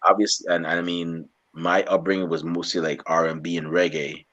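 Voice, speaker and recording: A young man from Guyana interviewing a guest in a relaxed, rambling way, often restarting his sentences. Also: low voice, dull audio. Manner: rambling, halting with many restarts. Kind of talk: casual interview chat.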